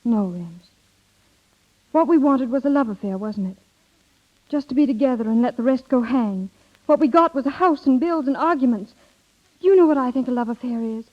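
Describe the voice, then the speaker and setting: A female voice, high and expressive, belongs to an actress in a muffled 1930s radio drama. She plays an independent, wistful young wife, tender yet firm, speaking earnestly with hesitant pauses.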